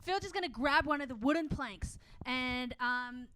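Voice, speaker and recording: A woman's voice: sits high, normal speed, pushed and bright, smooth. A woman chatting playfully and casually as a player in a comic tabletop game.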